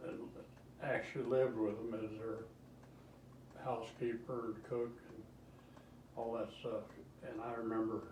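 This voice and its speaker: An old man talks casually about his memories, halting and repeating himself. His pitch is average for a man. The recording is roomy and a bit distant, with faint noise behind him. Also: a little mellow. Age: 80s or older. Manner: old man's halting, rambling recollection with repeats. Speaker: interviewee, grandfather. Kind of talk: casual reminiscence.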